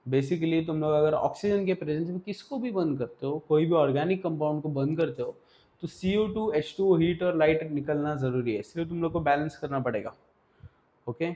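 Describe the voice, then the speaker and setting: A man's voice: a little high, normal speed, warm tone. A man teaching an exam revision lesson in a casual, directive way, often checking in with his students. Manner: casual, directive, Hindi-English mix, repeats "ठीक है".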